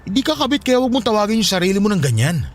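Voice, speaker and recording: A man's voice: high-pitched, big pitch swings, rapid-fire, music in the background. A man acting in a radio drama as a young man who pleads and keeps asking questions, then apologizes. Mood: apologetic.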